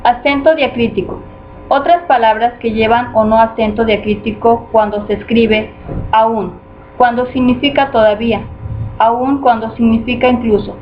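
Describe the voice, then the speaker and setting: A woman reading a grammar lesson aloud in a steady, measured way, going through rules and examples. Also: fairly high pitch. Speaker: student presenter. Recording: muffled lo-fi recording with faint noise.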